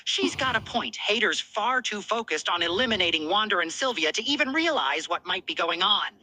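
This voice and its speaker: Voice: mid-range voice, animated, brisk, pushed and bright, voice pushed up. A performer voicing a smitten, confident alien commander from a cartoon fan dub, articulate and wry.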